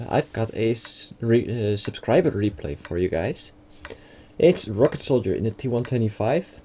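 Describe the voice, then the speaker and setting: A young Dutch gaming YouTuber with a mid-range, dark-toned voice comments over a game replay, with game noise behind him. His Dutch accent comes through as he hesitates, using fillers and restarting his sentences.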